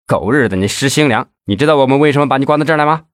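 A man's voice: mid-range voice, big pitch swings, fairly quick, vocal fry, a bit bright, slightly rough, no room sound, studio quality, pitched above the performer's own voice, exaggerated voice. A man voicing a brutal, hot-tempered male police chief who curses and barks orders in an audiobook. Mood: furious. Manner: cursing, barking orders.

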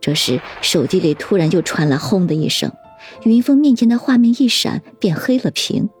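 A woman narrating a suspense story audiobook in an even, measured way. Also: on the low side, husky, soft background music.

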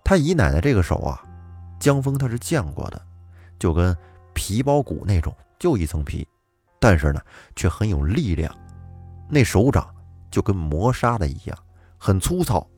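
A man narrates a folk tale in a conversational tone, with asides to his listeners. His low voice is husky and moves lively up and down. The sound is dry, with faint music behind. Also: moderate pace. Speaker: storyteller host.

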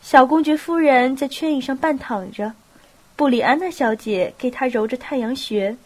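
A woman's voice: high voice, normal speed, a little mellow. Woman with a cold reading a novel. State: has a cold. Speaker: audiobook narrator.

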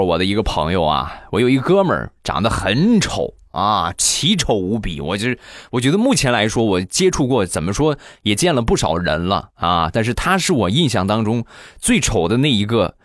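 A man hosting a comedy show, telling jokes and funny anecdotes in a teasing, animated way into a close, dry mic. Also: fairly low pitch, moderate pace, no echo. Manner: teasing, animated, acts out quotes. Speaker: comedy podcast host. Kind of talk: joke storytelling.

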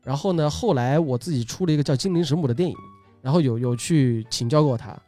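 A man's voice: mid-range voice, fast, mellow, faint music behind. A man hosting a casual chat and introducing his guests in a talkative way, often repeating short phrases. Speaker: host, video uploader and magician.

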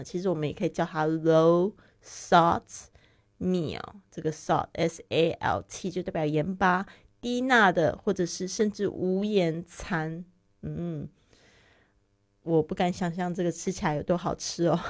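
Low gravelly woman teaching English vocabulary. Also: dry recording, studio quality. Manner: chatty, spells words out letter by letter. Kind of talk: casual podcast English lesson. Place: living in Barcelona, dry room.

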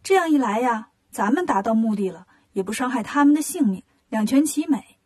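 A woman's voice: fairly high pitch, animated, brisk, a little mellow, husky. A woman doing a clever, scheming monkey disciple. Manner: confident, scheming.

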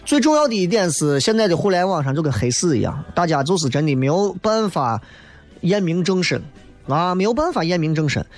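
A man's voice: on the high side, big pitch swings, a little fast. A man hosting a casual talk show, answering listener messages in a blunt, teasing, colloquial way. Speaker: host of an audio show. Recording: loud guitar music behind the voice. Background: guitar music.

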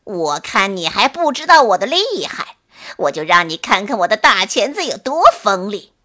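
A woman's voice: medium pitch, animated, a little slow, pitched below the performer's own voice. A woman voicing an arrogant, boastful male scorpion in a children's bedtime story. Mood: taunting. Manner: loud, boastful, taunting.

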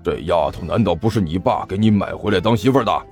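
A man's voice: deep voice, fast, creaky, a little mellow, faint music behind, pitched below the performer's own voice. A man voicing a stern, suspicious middle-aged uncle from the neighborhood who lectures and scolds. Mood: lecturing.

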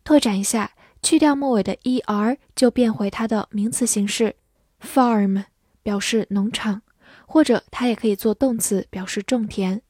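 A woman English teacher giving a scripted vocabulary lesson, spelling words letter by letter and reading example sentences aloud slowly and carefully. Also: a little high, darkish tone, husky, no room sound, clean studio sound.

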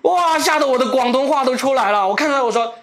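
A man from Shenzhen with a Cantonese accent, doing live stand-up comedy with self-mocking, animated storytelling. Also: extremely high pitch, quick pace, noisy background. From Shenzhen, Guangdong.

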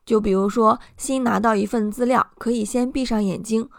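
A woman hosts a book-review podcast and lays out a study method one step at a time. Her voice carries a touch of vocal fry. The recording is dry and close, with no room sound. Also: a little high, steady tone, normal speed, no echo. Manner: explanatory, step-by-step, patient. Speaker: podcast host.

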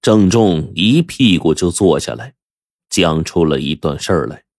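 A man tells a traditional story in a deep, husky voice. His pitch swings widely as he narrates with lively colloquial flair. The close mic sounds dry. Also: a little slow, no echo.

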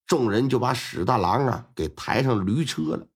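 A man telling a traditional crime story aloud in a lively, colloquial manner, stretching out the particles at the ends of his phrases. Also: medium pitch, slightly rough. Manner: lively, colloquial, with drawn-out sentence-final particles. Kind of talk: Chinese storytelling performance.

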